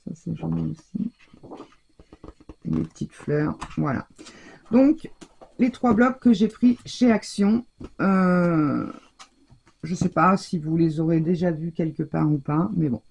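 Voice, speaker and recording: A woman's voice: fairly low pitch, slow, vocal fry, long pauses, a little mellow, slightly rough. A woman chatting casually in a haul video from her home craft room, talking with lots of hesitations and fillers. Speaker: scrapbooking vlogger.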